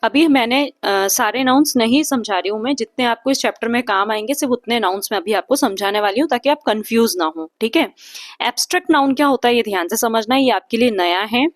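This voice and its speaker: Patient woman teaching young kids, fairly high voice. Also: fairly quick, dry recording. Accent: Indian English. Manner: patient, asks the class questions and answers them, repeats "ठीक है". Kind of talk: explaining a grammar lesson to young students.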